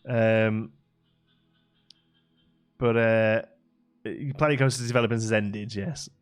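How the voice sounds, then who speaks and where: Soft music plays behind a Staffordshire man's lowish, resonant and clear voice, which moves slowly with fairly even intonation. In his West Midlands accent he casually chats through a game stream, answering viewers from his home green-screen room. He's relaxed and chatty, with many fillers and restarts.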